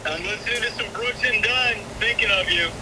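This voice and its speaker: A man's voice: high voice, a little fast, a crowd in the background, poor audio. A man chatting casually over a phone on speakerphone, joking and laid-back as he banters with a friend. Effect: heard over a phone on speakerphone. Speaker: friend calling in. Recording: phone speaker over loud background noise.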